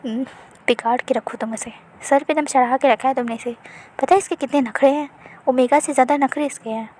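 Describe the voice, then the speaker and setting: A woman's voice: high voice, steady tone, brisk, darkish tone. A woman voicing a mother who teases and scolds her spoiled son in a narrated story. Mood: teasing. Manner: teasing, scolding. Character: teasing mother, scolding and dry.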